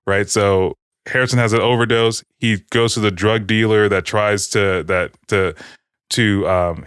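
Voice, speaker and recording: Podcast co-host, male, lower register, loose and profane storytelling, dry booth. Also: a bit bright, clean tone, no echo. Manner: profane, rambling TV recap. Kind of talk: casual podcast chat.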